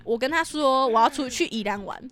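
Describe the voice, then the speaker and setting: A young woman, co-hosting a casual podcast and telling stories in an animated way, with casual swearing. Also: high voice, a little fast. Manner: animated, profane storyteller. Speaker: podcast co-host.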